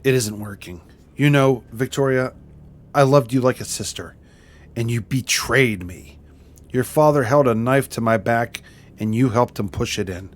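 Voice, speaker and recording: A man voicing a wronged exiled queen in a video game, stern and resolute, speaking formally and gravely. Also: mid-range voice, unhurried, close to an everyday voice. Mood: hurt, grave.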